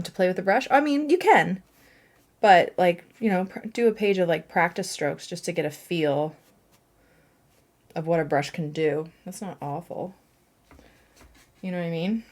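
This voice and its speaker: A young woman, a watercolour artist, chatting casually and laughing at herself as she paints. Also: fairly low pitch. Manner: chatty, self-mocking, thinking aloud with laughs.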